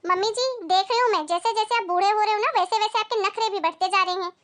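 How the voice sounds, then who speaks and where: A woman's voice: extremely high pitch, fast, fairly bright tone. A woman playing a short-tempered, bossy daughter-in-law in a comedy family skit, scolding sharply and sarcastically. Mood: harsh.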